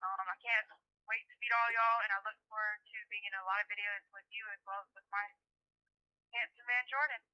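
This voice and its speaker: A woman with a drawl speaks over a prison phone line, her sharp, bright voice thinned and muffled by the tinny connection. She chats with her boyfriend in a loose, easygoing way, stretching her fillers as she talks. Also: mid-range voice. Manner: relaxed, chatty, drawn-out fillers. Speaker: inmate calling her boyfriend. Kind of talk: casual phone chat.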